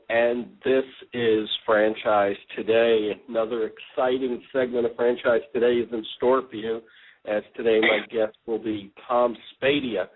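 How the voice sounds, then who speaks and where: Man hosting a radio show over a tinny phone line. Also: mid-range voice. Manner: relaxed, rambling, frequent ums and uhs. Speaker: podcast host. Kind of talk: casual radio talk show chat.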